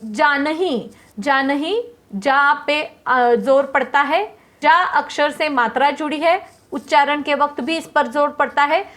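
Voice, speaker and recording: A woman's voice: sits high, measured pace, fairly bright tone. A woman teaching Hindi poetry meter, explaining patiently step by step and repeating her points to students.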